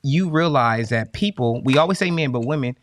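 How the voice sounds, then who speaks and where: A man telling stories in casual podcast chat, animated and full of profane slang. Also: medium pitch, moderate pace, a little hiss or hum. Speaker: podcast co-host.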